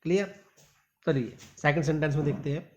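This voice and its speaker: A man whose voice sits a little high leads a spoken English lesson on pronunciation. He lingers over each word of his example sentences and calls the class "my dear," while the audio has its upper frequencies cut off.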